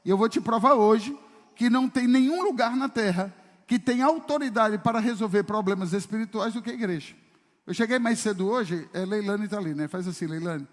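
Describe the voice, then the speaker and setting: A man preaching as pastor speaks fairly quickly, his voice sitting high. He questions the congregation rhetorically and emphatically throughout the sermon, with the long reverb of the church service hall behind him.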